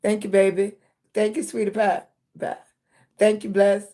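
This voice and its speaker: A woman's voice: mid-range voice, little pitch movement, measured pace, warm tone. An American woman hosting a motivational livestream chat, affectionate and encouraging, speaking emphatically with frequent checking tags and pet names for her viewers. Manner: affectionate, encouraging, addressing viewers as baby and sweetie. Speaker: livestream host and content creator.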